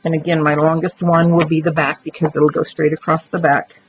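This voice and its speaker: This woman's low voice stays level and runs a little fast as she explains a crafting project move by move. She's chatty, thinking aloud while working, and the recording is dull and lo-fi with faint noise.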